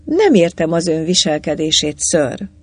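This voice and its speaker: A woman's voice: deep voice, big pitch swings, husky, no echo, full character voice. A narrator voicing an agitated young Englishwoman on a desert trek, in an audiobook. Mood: pleading.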